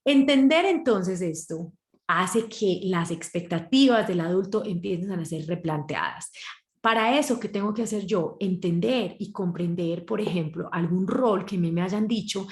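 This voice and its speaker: A woman with a Colombian Spanish accent gives a talk to parents and acts out the voices she quotes in a lively way. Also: lowish voice, normal speed, roomy sound. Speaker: parenting workshop speaker.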